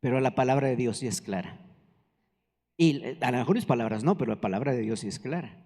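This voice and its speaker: A man's voice: medium pitch, fast talker, mellow. A man, preaching a conversational sermon and asking the congregation questions. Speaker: pastor. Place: church hall. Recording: reverberant church hall.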